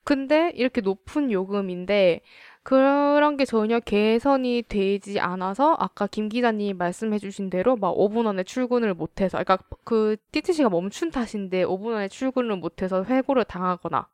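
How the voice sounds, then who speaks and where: A woman's voice: mid-range voice, normal speed, a little mellow, clear, resonant tone, dry recording, clean studio sound. A woman from South Korea hosting a casual group discussion, self-deprecating and sometimes searching for words. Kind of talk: casual panel chat.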